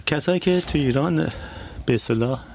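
A man's voice: fairly high pitch, rapid-fire, darkish tone. A man in his forties from Iran, answering interview questions earnestly. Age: 40s. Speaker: interview guest.

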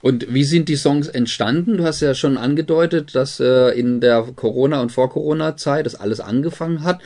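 A man's voice: medium pitch, a little fast. A man hosting a radio show, reading a playful intro and then interviewing a guest. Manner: lively, playful, animated. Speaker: radio host.

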